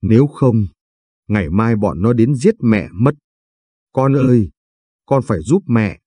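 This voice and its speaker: A man's voice: medium pitch, animated, measured pace, warm tone, breathy edge, no room sound, clean studio sound. A man voicing a desperate, indebted middle-aged mother who begs her child through tears. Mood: pleading. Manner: begging, weepy pleading.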